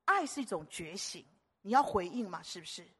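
A woman preacher giving a lively sermon, telling stories and asking the congregation rhetorical questions. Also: mid-range voice, brisk.

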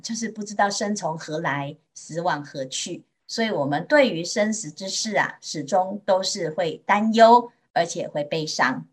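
A Buddhist nun from Taiwan giving a Mandarin sermon in a gentle storytelling manner, with drawn-out particles and a Taiwanese accent. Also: female voice, medium pitch. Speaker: Buddhist nun teaching sutra.

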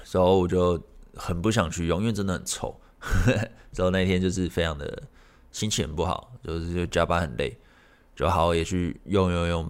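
A man's voice: deep voice, clean tone. A man hosting a podcast, telling a personal story in a rambling, frank way and swearing freely. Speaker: podcast host.

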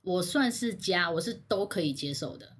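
A woman co-hosts a casual podcast, guiding the conversation by asking questions and steering the topic. Her voice is lowish and animated, with a breathy edge, at normal speed.

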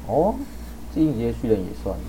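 A man's voice: medium pitch, sing-song, warm tone, a little hiss or hum. A young man hosting a casual podcast chat, joking around and swearing often. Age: young adult. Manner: fast, joking, swears a lot. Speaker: podcast host.

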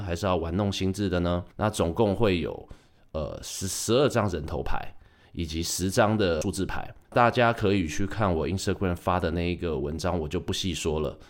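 Deep-voiced man hosting a chatty podcast. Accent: Taiwanese Mandarin. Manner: chatty, joking asides, self-corrections. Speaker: podcast host. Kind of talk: casual solo podcast talk.

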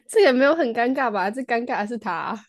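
A woman's voice: on the high side, lively intonation, quick pace. A young woman with a Taiwanese accent, chatting casually as a podcast co-host. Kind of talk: casual chat.

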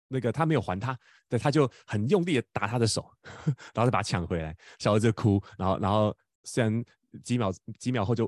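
A man's voice: medium pitch, a little mellow, no room sound, clean studio sound. A man, hosting a podcast and telling a personal story in casual chat, often restarting words and laughing as he talks. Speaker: podcast host.

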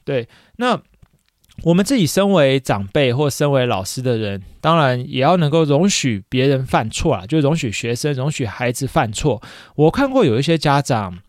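A man's voice: medium pitch, sing-song, normal speed, dry recording, clean studio sound. A man, a teacher hosting his own podcast, talking casually and reflectively with frequent "dui" fillers. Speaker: podcast host and schoolteacher. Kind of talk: casual solo podcast monologue.

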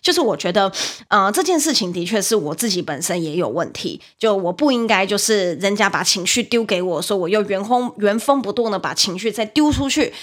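A young woman with a Taiwanese Mandarin accent, hosting a podcast and telling a story in a chatty, animated way, with many fillers and repeats. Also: medium pitch, a little fast. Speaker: podcast host, livestreamer. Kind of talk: casual storytelling monologue.

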